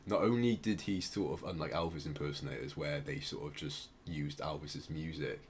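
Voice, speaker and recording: Speaking in a bass voice at normal speed, a man co-hosts a podcast and casually recounts a musician's story. He explains hesitantly and keeps circling back to rephrase, over a little hiss or hum.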